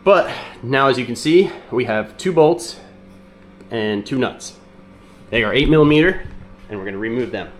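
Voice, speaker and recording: A man with a nasal, congested voice from being sick, calmly walking through a repair step by step with frequent ums and uhs. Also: medium pitch, normal speed, pauses often, a little hiss or hum. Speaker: mechanic demonstrating a repair. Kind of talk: casual how-to demonstration.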